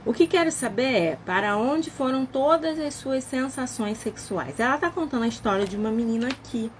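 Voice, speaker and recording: A woman talking casually in a book club discussion, acting out quoted dialogue with lively emphasis. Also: on the high side, moderate pace, slight background noise. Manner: animated, acts out quoted dialogue. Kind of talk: casual chat.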